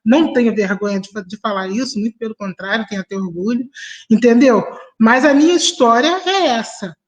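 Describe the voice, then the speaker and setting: A woman's voice: a little high, animated, fairly quick, highs cut off. A middle-aged woman from Niterói, telling her life story as a panelist on a video call and laughing between sentences. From Niterói, Brazil. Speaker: panelist, family doctor. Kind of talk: personal storytelling in an online debate.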